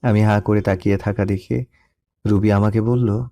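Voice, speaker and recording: A young man narrating a first-person love story in a soft, melancholy storytelling manner. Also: fairly low pitch, fairly even intonation, normal speed. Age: young adult.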